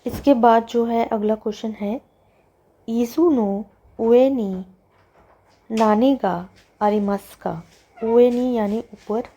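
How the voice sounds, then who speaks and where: A woman with as her teaches Japanese from a textbook exercise. She talks at a slow, deliberate pace and draws out each word as she explains it. Her voice is soft and mellow, and her pitch sits in a middle range. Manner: slow, careful explaining, drawing out the Japanese words.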